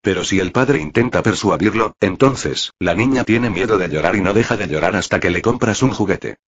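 A man's voice: low-pitched, animated, fairly quick, slightly rough. A man narrating a translated web novel, reading ellipses and spelled-out words literally, on a dull lo-fi recording.

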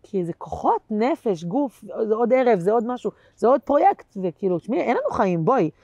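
A woman comedian chatting as a guest in an interview, telling animated stories that swing between loud bursts and quiet asides, with plenty of slangy fillers. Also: a little high, no room sound. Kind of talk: casual interview chat.

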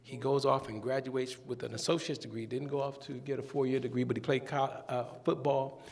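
A man preaching a sermon, telling a story with humor and animated call-and-response. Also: medium pitch, a little fast, creaky, breathy edge. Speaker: pastor. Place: church sanctuary. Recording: long church-hall reverb.

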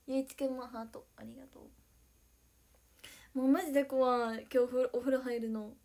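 Young woman, high bright voice, bubbly livestream chatter, giggly, reads out viewer comments. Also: brisk. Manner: excitable, giggly, thanks viewers by name. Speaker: idol livestreamer. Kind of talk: casual livestream chat reading viewer comments.

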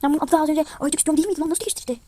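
A young woman with a high voice talks over her gameplay in a chatty, excitable way. She sounds a bit sick and often drops to a quiet mutter. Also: very fast. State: slightly sick voice. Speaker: gaming vlogger. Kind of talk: casual gameplay commentary.

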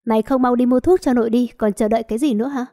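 A grumpy old grandmother who nags and scolds her granddaughter in sharp bursts, put on by a woman reading a story. The voice sits fairly high yet sounds mellow and soft in tone. It is a storybook reading of a cantankerous elderly woman. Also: steady tone, rapid-fire, close to an everyday voice. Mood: scolding.

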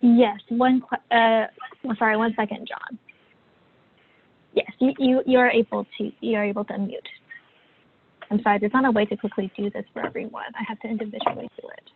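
Woman, moderator, husky, higher pitch, tinny call audio. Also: level tone, brisk, pauses often, slight background noise. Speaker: webinar moderator. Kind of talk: explaining webinar logistics.

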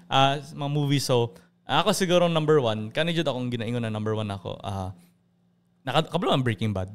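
A man's voice: mid-range voice, lively intonation, a little fast, clear, resonant tone. A young man hosting a casual podcast chat, talkative and laughing often, mixing English into his speech. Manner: chatty, laughs often, mixes English into Cebuano. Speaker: podcast host.

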